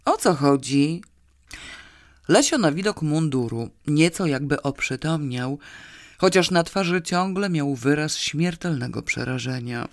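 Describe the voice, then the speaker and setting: Slow, measured audiobook reader. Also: mid-range voice, no echo, studio quality. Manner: slow, measured, expressive reading. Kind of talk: audiobook narration.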